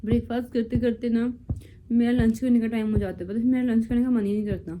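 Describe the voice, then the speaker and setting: A woman's voice: a little high, flat delivery, fast, mellow, a little hiss or hum. A young woman from Uttarakhand, a new mother, chatting casually through her day at home and cooing to her baby now and then. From Uttarakhand, India. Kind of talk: casual home vlog chat. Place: family home indoors.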